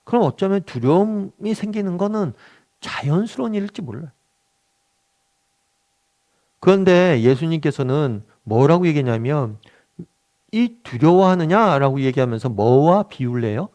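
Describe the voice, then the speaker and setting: A man's voice: on the high side, animated, brisk, warm tone. A middle-aged male pastor leading a weekly Bible study, talking conversationally, asking the group questions and acting out quotes. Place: church meeting room.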